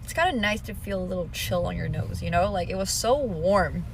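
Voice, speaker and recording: A woman's voice: lowish voice, brisk, vocal fry, far from the mic. Chatty woman streaming on a noisy street. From China. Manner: chatty, relaxed, laughs often. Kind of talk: casual street chat. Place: busy city street outdoors. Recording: outdoor stream with loud traffic noise. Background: loud traffic.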